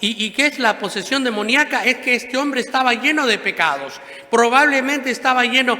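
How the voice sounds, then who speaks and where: High, bright-voiced priest in echoey church. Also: male voice, expressive, a little fast. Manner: conversational preaching, frequent rhetorical questions and tag "¿no?". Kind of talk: Sunday homily. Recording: echoey church with long reverb.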